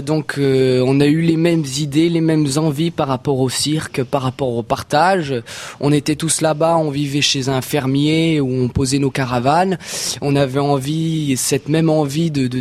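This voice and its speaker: Southern French man, slightly high voice. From southern France. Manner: relaxed, halting, many fillers and restarts. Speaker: circus performer. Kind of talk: casual radio interview.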